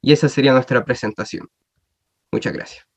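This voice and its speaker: A man's voice: medium pitch, expressive, brisk, vocal fry, husky. A young man, a dentistry student, giving a class presentation and reading out his notes with hesitant fillers.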